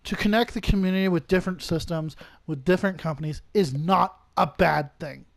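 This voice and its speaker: A man's voice: high-pitched, a little fast, vocal fry, no echo. A man co-hosting a casual podcast, talking in an earnest, preachy, ranting way. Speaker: podcast co-host.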